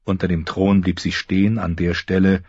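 A man narrating a fantasy audiobook in a measured storytelling manner, in a slightly muffled recording. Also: low-pitched, flat delivery, darkish tone, husky, no echo. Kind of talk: scripted narration.

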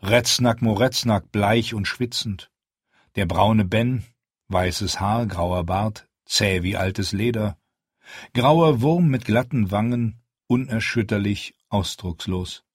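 A man narrating an audiobook in a measured storytelling voice. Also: fairly low pitch, husky, no room sound, clean studio sound. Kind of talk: scripted narration.

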